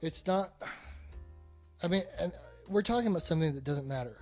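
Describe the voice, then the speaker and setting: A fairly high, expressive male voice with a darkish tone talks briskly about films as a podcast co-host. He's casual, emphatic and opinionated, swearing freely, with faint music in the background.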